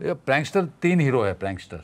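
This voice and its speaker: A man's voice: mid-range voice, quick pace. Guy on a podcast spinning a funny set story, does all the voices himself. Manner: animated, acts out quoted voices. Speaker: guest actor. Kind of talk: casual storytelling anecdote.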